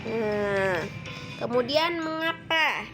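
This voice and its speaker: A woman's voice: a little high, animated, extremely slow, music in the background. A woman teacher giving a patient lesson to second graders, explaining step by step with frequent fillers.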